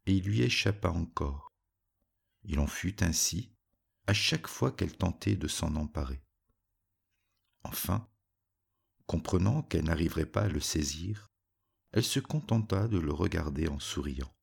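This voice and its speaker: A man reading a storybook aloud in an even, measured way. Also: a bass voice, gravelly, slightly rough. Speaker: narrator.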